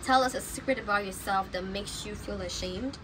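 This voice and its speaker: Speaking briskly at medium pitch, a young adult Nigerian vlogger chats straight to her phone from a balcony overlooking rooftops. Her casual get-to-know-me talk is loose, with stumbles, repeated words, and laughing asides. Noise from the street below comes through clearly.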